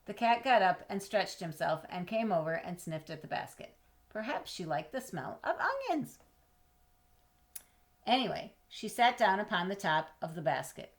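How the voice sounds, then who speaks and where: A storybook reader with a rather low female voice performs a children's tale with dramatic pauses and stretched-out key words. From time to time she stops to quiz the kids or clarify what a word means.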